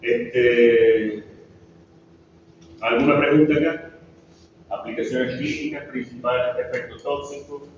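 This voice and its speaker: A man's voice: mid-range voice, fairly even intonation, takes it slowly, pauses often, far from the mic, a little hiss or hum. Venezuelan man lecturing in echoey classroom. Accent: Venezuelan Spanish. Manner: asks the class questions, frequent "¿sí?" checks. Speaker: pharmacology lecturer. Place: large classroom. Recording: echoey, muffled classroom from afar.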